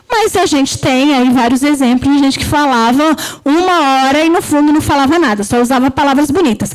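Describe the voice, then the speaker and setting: A woman's voice: high-pitched, low-quality recording. A woman with a Brazilian Portuguese accent giving a conversational lecture, often checking in with "né?". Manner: conversational, frequent "né?" and "tá?" check-ins. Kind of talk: lecture on political speaking.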